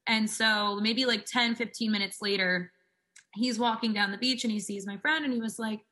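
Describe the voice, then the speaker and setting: Chatty bright-voiced young woman. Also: fairly high pitch, fairly even intonation, normal speed. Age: 20s. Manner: chatty, fills speech with "like". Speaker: singer guest. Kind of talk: casual storytelling interview.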